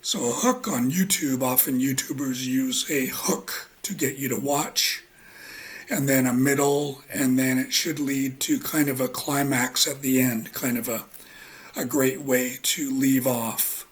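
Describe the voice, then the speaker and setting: An English teacher gives a relaxed spoken lecture in a husky, mid-range voice. He halts often, filling the gaps with ums and uhs.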